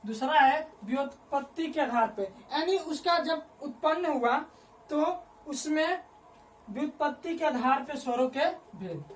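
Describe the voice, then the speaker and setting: A woman's voice: high-pitched, animated, measured pace, slight background noise. A woman teacher giving a dictation lesson, repeating each phrase so students can write it down, then asking the class questions and answering them herself. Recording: voice picked up from a distance.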